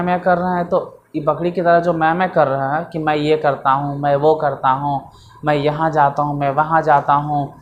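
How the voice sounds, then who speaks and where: A man's voice: a little high, lo-fi sound. A man teaches beginners' grammar in a loose, chatty way, repeating words over and over. He talks plainly, with a self-mocking tone. A faint hum of background noise sits under the voice. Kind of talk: casual grammar lesson.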